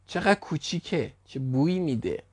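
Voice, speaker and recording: A man's voice: fairly high pitch, expressive, darkish tone, husky, dry recording, studio quality, pitched above the performer's own voice. Man doing a bratty sulky boy.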